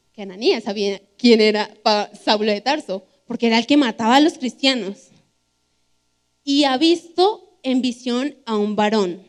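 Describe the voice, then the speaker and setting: A woman's voice: fairly high pitch, darkish tone. A woman preaching a sermon from a church stage, earnest and emphatic as she shares a personal testimony. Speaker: youth preacher.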